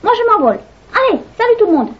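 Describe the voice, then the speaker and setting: A vain dragonfly diva sniffs and protests in a very high, swooping voice, as a woman acts her out. The sound is dull and lo-fi, like an old children's story recording. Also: very animated, quick pace. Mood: indignant. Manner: indignant, scornful. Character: haughty vain female dragonfly artist.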